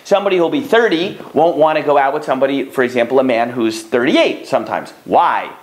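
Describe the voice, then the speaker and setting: A man's voice: mid-range voice, fairly quick. A man in his thirties, a rabbi and matchmaker, giving casual advice straight to the camera and acting out callers' lines. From United States. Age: 30s. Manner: animated, conversational, acts out callers' lines. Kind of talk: direct-to-camera advice talk.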